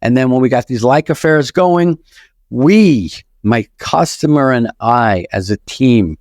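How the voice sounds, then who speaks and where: On a dry, studio-quality recording, a New York-accented man with a darkish, mid-range voice speaks expressively and a little slowly. He is a real estate broker and author appearing as a guest in a casual podcast conversation, making his points emphatically one by one.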